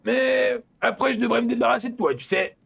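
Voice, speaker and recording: A man's voice: extremely high pitch, fairly quick, gravelly, a bit bright, voice pushed up, full character voice. A man reading as a cocky teenage rebel boy. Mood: teasing. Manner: cocky, teasing.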